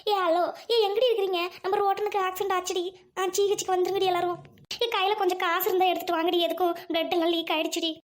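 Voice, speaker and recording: A shrill, squeaky cartoon girl who panics and wails at every turn. Her voice sits extremely high and never settles. It sounds made for a kids' cartoon. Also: level tone, fast talker, slight background noise. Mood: panicky. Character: frantic squeaky young woman friend. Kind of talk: cartoon voice acting.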